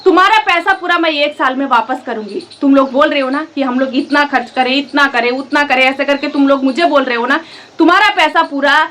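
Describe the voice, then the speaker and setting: Fierce high-pitched woman scolding. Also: brisk, hardly any pauses, a bit bright, a little hiss or hum. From India. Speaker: vlogger. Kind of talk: angry direct-to-camera vlog rant.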